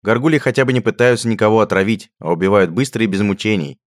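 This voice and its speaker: A man voicing a mocking, jokey young male friend who talks loud, teasing and lively. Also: on the low side, fast, no room sound, studio quality, pitched above the performer's own voice, close to an everyday voice.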